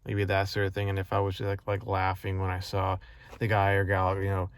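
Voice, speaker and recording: Brief: low monotone man, rambling earnest vlog talk full of fillers. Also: fairly quick, no room sound. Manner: rambling, many fillers and restarts; frustrated, earnest. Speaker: vlogger. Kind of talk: casual personal vlog monologue.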